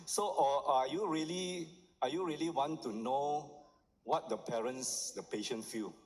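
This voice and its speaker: A middle-aged doctor, giving a conference lecture and often checking in with the audience with "huh?" and "right?". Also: male voice, mid-range voice, a little slow. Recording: long hall reverb.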